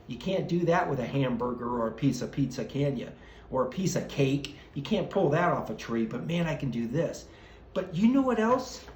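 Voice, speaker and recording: A man teaching a Bible lesson to children, telling it as a lively story and acting out the voices. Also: a little high. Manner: animated storytelling, acts out voices. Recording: echoey room.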